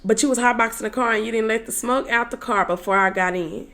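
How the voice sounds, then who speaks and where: A woman's voice: fairly high pitch, fast talker, fairly bright tone. A woman quoting an anxious, whiny date. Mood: complaining. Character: anxious, complaining young man on a date.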